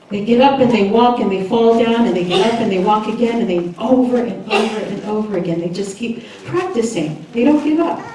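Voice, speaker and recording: A woman minister giving a chatty, lively sermon and laughing often as she talks with the congregation. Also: mid-range voice, slight background noise. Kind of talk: sermon with audience interaction. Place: church hall. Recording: echoey hall, voice from far off.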